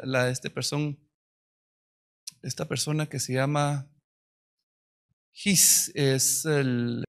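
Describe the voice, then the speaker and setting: Man, high-pitched, church sermon, storytelling, quiet to emphatic. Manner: storytelling, swings from quiet to loud emphatic preaching. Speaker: preacher.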